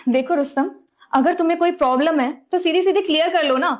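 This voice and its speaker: Woman voicing an indignant young wife, scolding, high voice. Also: fast. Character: defiant young wife standing up for her father.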